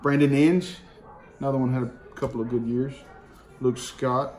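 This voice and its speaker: A man with a medium-pitched voice and normal speaking speed does casual card-opening commentary for his card collecting channel, naming baseball cards one at a time in a plain, slangy way. It's filmed indoors in his home dining room. A camera sits on the table in front, and the room carries steady noise.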